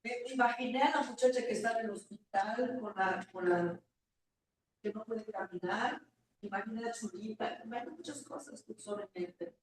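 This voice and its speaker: A woman's voice: a little high, moderate pace. A middle-aged woman pastor with a Mexican accent giving an emotional personal testimony at a church service, acting out the dialogue as she tells it. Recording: very echoey hall, mic far off, faint noise.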